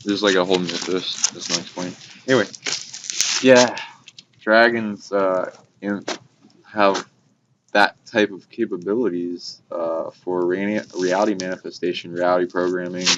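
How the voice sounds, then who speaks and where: In a muffled, noisy hobby recording with clicks, a host with a low, steady voice talks about esoteric ideas. He's hesitant and halting, rambles, and swears casually from time to time.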